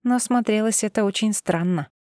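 A woman reading a first-person audiobook in a steady, expressive voice. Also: medium pitch, normal speed, no room sound, studio quality. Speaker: audiobook narrator.

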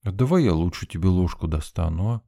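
Sly, teasing young student, voiced by the male narrator; low, warm, deadpan jokes. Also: quick pace, creaky, no echo. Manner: teasing, mock-serious.

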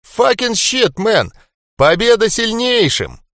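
A man reading an audiobook, voicing a cocky, swearing male fighter who taunts and laughs loudly. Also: high-pitched, sing-song, moderate pace, dry recording, studio quality, voice pushed up. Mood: jeering. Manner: loud, jeering, laughing taunts. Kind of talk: audiobook character voice.

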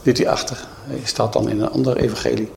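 Creaky-voiced male preacher telling a story. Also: mid-range voice, little pitch movement, fast, darkish tone. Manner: conversational storytelling with frequent tag questions. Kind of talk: sermon retelling a Bible story.

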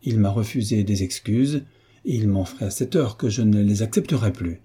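Reading an audiobook, a man voices a jovial, mocking hunchbacked marquis in a teasing, theatrical manner. His voice is husky, fairly low and mellow, at normal speed.

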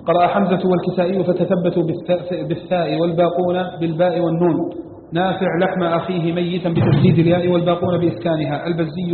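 A man reading a classical text aloud at speed, in an even and steady recitation. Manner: fast, even reading with little pitch movement. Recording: echoey hall on a tinny, hissy line.

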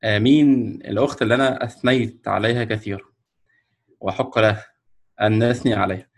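A man with an Egyptian Arabic accent announces the winners of a Quran memorization course on a video call, speaking slowly and hesitantly, with many fillers and restarts. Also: lowish voice, steady tone, gravelly. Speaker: ceremony host announcing winners. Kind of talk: ceremony announcement. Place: online video call presenting a screen.

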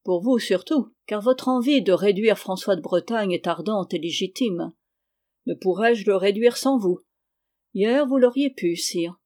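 A reader voicing an arrogant armored count in an audiobook, speaking calmly and with quiet menace. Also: mid-range voice, close to an everyday voice. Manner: calm, measured, quietly threatening. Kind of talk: audiobook character reading.

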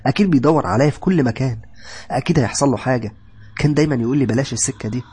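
A man's voice: medium pitch, big pitch swings, fast, darkish tone, a little hiss or hum, close to an everyday voice. A man voicing a frightened, guilt-stricken young woman in a horror story, speaking in an Egyptian Arabic accent with a raised, strained voice. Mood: tearful, defiant.

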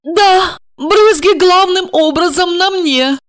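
A shaken young woman in shock, her voice thin and shrill, pitched far above a normal speaking voice. She sounds timid and dazed, and the recording is close and dry. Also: unhurried, fairly bright tone, dry recording. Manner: high squeaky put-on voice. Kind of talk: audiobook character voicing.

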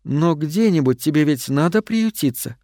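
A man voicing a small, kind old woman in a storybook reading, speaking gently and softly. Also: on the high side, lively intonation, normal speed, no room sound, clean studio sound. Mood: gentle. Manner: gentle, soft-spoken. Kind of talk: audiobook storytelling.

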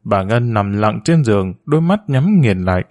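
A man narrating a family drama storybook in a steady, measured reading. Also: on the low side, no echo, studio quality.

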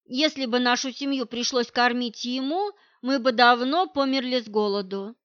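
A woman's voice: fairly high pitch, normal speed, fairly bright tone, no room sound, dull audio, close to an everyday voice. Woman reading as a cold, scornful wife. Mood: cutting. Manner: curt, dismissive, talks down. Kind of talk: audiobook reading.

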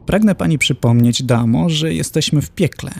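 A man's voice: on the high side, moderate pace, gravelly, darkish tone, pitched above the performer's own voice. A man voicing a stern, pedantic male professor who tortures the damned in hell, lecturing with precise indignation. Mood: indignant.

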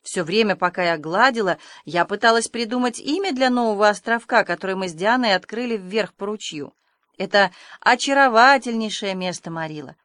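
A woman's voice: medium pitch, lively intonation, brisk, a bit bright, dry recording, natural voice. A woman reading the part of an imaginative, chatty orphan girl who pours out her thoughts in long, effusive runs. The sound is close and dry. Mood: contrite, then wistful. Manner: breathless, effusive storytelling.

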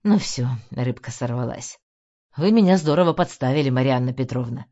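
A woman voicing a weary middle-aged male ex-detective who grumbles through his teeth in a lowered voice. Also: steady tone, normal speed, dark tone. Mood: gruff, weary. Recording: dull lo-fi audio.

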